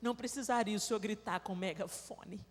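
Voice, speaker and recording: A woman's voice: medium pitch, fairly quick. A woman with a Brazilian accent giving an emotional live sermon in a church, telling a story that swells into tearful outbursts. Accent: Brazilian Portuguese. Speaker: preacher. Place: large church hall. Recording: live church recording with long reverb.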